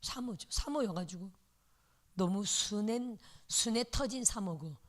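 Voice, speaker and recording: A middle-aged woman pastor giving a sermon lecture, telling stories in an animated way with playful sound words. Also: mid-range voice, measured pace.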